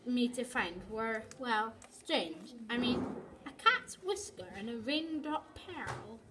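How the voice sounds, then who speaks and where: Slow halting woman reading a story. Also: a little high, lively intonation, noisy background. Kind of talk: reading her own story aloud. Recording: voice from off the mic, people chattering behind.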